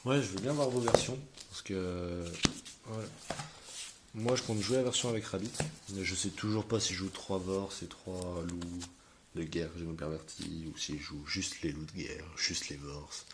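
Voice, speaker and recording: A man with a very low voice chats casually to viewers about his card binder. He rambles and hesitates often, filling pauses as he goes, with a faint hiss behind him. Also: fairly even intonation. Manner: hesitant and rambling, many fillers.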